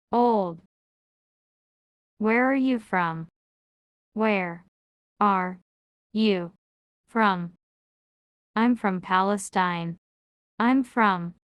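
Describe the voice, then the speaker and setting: A woman teaching English, reading each question and answer, then repeating it word by word with long pauses. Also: medium pitch, smooth, no room sound. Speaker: language teacher. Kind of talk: slow word-by-word English drill.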